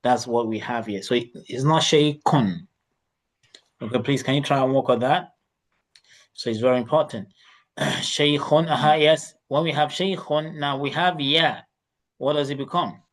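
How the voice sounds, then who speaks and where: A man's voice: mid-range voice, fairly even intonation, normal speed. Casting: male Arabic teacher, patient and repetitive, coaches pronunciation in an online lesson. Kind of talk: online class instruction.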